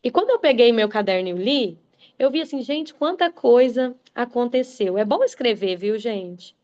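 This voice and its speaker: A woman delivers a motivational talk with a fairly high voice, pressing each point with emphatic, preacherly conviction. She speaks straight to her listeners. The recording is dull and muffled. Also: expressive, moderate pace, a little mellow. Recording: muffled lo-fi sound.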